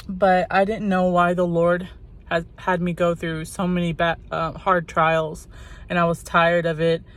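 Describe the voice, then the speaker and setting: Woman with a thick, sore-throat voice. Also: on the low side. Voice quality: slightly muffled by a cough drop in the mouth. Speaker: channel host.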